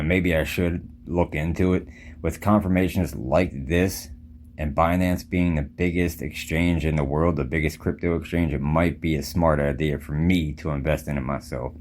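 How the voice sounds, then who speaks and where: A man's voice: very deep voice, darkish tone, slight background noise. A man hosting a show with casual, conspiratorial commentary, insistently repeating his points. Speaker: host of a crypto show.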